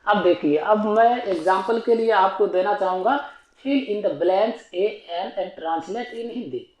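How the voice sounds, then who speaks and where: A man's voice: high-pitched, takes it slowly, a little mellow, reverberant, low-quality recording. A man teaching an online grammar lesson, explaining patiently and repetitively and asking himself rhetorical questions.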